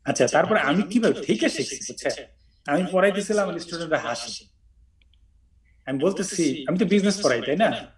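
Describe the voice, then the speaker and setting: A man from Bangladesh teaches English word stress in a relaxed chat, demonstrating each word out loud. His voice sits slightly high and sounds distant from the microphone. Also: brisk.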